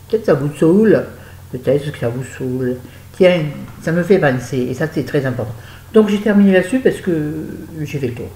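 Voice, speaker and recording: Chatty woman reviewing a book, mellow voice. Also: deep voice, reverberant, rough recording. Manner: chatty and digressive, talks to viewers directly. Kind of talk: casual spoken book review vlog.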